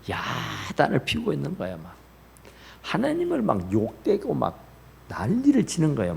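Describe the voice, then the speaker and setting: A man's voice: a little high, vocal fry, a little mellow, slightly rough. A man preaching a sermon as pastor in a church, rising in bursts and dropping to near whispers. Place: church sanctuary.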